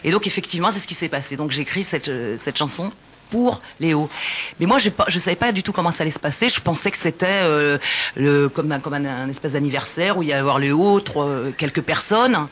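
A woman singer-songwriter telling stories in a casual radio interview, talking in an animated, halting way with many restarts. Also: sits low, a little hiss or hum.

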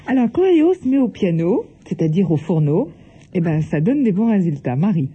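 A male radio host with a fairly high, slightly husky voice on a dull, lo-fi recording. He steers the interview in an affable way, introducing clips and prompting his guest. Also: sing-song, normal speed.

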